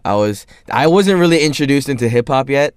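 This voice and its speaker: A young man from the United States hosting a radio show in relaxed, casual chat. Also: medium pitch, a little fast, smooth, dry recording. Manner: relaxed, laid-back, says "man" a lot.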